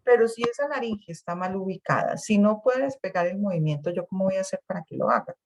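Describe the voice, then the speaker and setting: A woman's voice: mid-range voice, expressive, fast, creaky, rough recording. Female lecturer, a classroom explainer who repeats words as she thinks and asks "¿sí?". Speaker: speech therapy lecturer.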